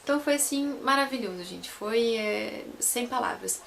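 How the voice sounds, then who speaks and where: A woman's voice: a little high, moderate pace, gravelly, fairly bright tone, slight background noise. A young Brazilian woman telling her own story to camera in a chatty way, often repeating and correcting herself. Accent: Brazilian Portuguese. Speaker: vlogger.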